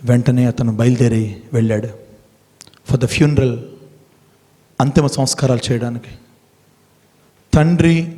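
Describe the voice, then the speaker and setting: A man giving an emphatic motivational speech, quizzing the audience with questions and slowing down to tell stories dramatically. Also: medium pitch, dark tone. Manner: slows down for dramatic storytelling. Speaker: motivational speaker. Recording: long hall reverb.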